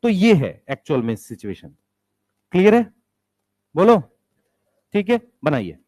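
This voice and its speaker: Guy teaching biology to a class, slightly high voice, dry close sound, keeps quizzing the students and answering himself. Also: wildly swooping pitch, measured pace, darkish tone, dry recording. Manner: asks the class questions and answers them himself; keeps calling for the students' attention. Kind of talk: classroom lecture.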